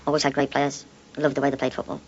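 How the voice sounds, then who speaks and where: A man's voice: mid-range voice, completely flat delivery, racing, a little hiss or hum. A former footballer speaking in an interview clip, his voice disguised with an electronic effect so listeners cannot tell who he is. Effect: disguised voice, electronically altered. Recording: dull, distant played-in clip with faint background ambience.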